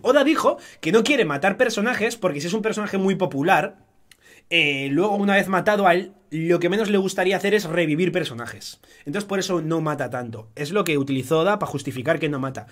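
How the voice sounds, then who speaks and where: A young man from Spain with a Spanish accent, talking excitedly through a casual live-stream commentary, swearing often in chatty fan banter. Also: high voice, a little fast. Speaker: streamer analyzing an anime opening.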